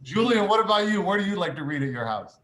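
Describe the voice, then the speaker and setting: A man's voice: high voice, big pitch swings, fast talker, fairly bright tone. Upbeat man on a school intercom. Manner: upbeat, encouraging, with frequent "uh" fillers. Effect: school intercom announcement sound. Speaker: school principal giving morning announcements. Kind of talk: school intercom morning announcements. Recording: echoey room with faint noise.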